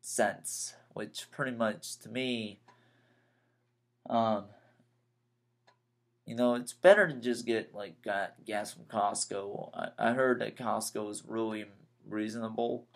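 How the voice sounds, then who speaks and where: A nineteen-year-old man vents in a rambling personal vlog, his voice sitting on the low side. He talks slowly, trips over his words and starts phrases again and again, sounding frustrated. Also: fairly even intonation, vocal fry. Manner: halting, repeats and restarts phrases, frustrated. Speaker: vlogger.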